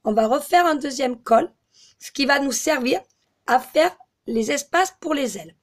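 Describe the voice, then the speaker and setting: Slightly hoarse woman teaching crochet. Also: sits high, animated, normal speed. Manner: patient, counts stitches aloud. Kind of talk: step-by-step craft tutorial.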